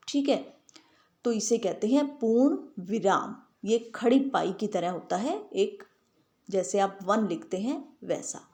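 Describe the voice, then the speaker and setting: A woman's voice: medium pitch, darkish tone. A woman teaching a grammar lesson to students. She explains patiently and keeps checking that they understand with short tag questions. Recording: echoey room.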